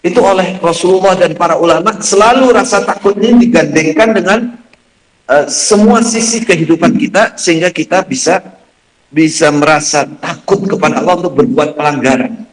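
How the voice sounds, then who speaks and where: A man preaching a sermon in a mosque, telling stories and acting out the voices of the people in them with big swings in pitch. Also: normal speed, echoey room, poor audio.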